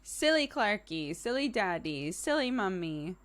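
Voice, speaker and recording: With big swings in pitch and a slightly slow pace, this early-30s livestream host chats casually with her live viewers. She's informal and conversational and laughs readily, and her mid-range voice is a bit bright.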